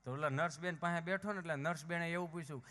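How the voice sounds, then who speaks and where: On an outdoor or hall folk stage, a male folk comedian performs live stand-up, acting out village characters with shifting voices. He talks quickly in a high-ish, pushed, bright voice, and the live recording carries a long hall reverb.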